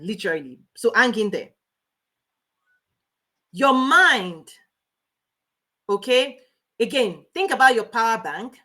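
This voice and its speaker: A woman hosting a motivational livestream as a life coach, talking fast and emphatically, repeating key points and greeting viewers by name. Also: mid-range voice, a bit bright. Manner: speaking fast.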